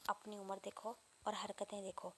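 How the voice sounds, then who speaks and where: A proud young woman student with a curt, scornful tongue, read by a woman narrator. Her voice stays level and flat in pitch while she snaps. It sounds like a storybook reading rather than full acting. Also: close to an everyday voice. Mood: indignant.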